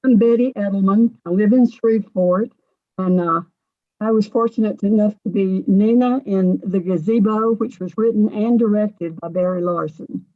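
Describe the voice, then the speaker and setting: A woman's voice: mid-range voice, moderate pace. Woman, friendly, tinny phone-like video call audio. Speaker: nominated actress. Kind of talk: self-introduction.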